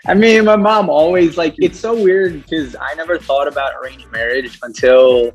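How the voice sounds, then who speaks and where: Husky young man, rambling and laughing. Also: fairly high pitch, unhurried, dull audio, faint music behind. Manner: rambling, with many restarts and frequent laughs. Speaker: actor guest. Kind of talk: casual interview chat.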